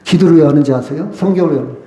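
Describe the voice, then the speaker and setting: A man's voice: a little high, very fast, mellow, roomy sound. A man preaching a sermon as pastor, emphatic and asking the congregation questions. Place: church sanctuary.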